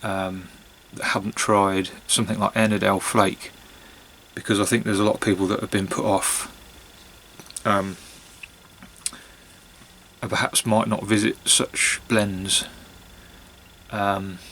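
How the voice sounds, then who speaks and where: A man chatting casually on his own in a hesitant, musing way, with long pauses and trailing phrases. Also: lowish voice, little pitch movement, sharp tone, slight background noise. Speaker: pipe-smoking vlogger. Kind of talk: casual monologue to camera.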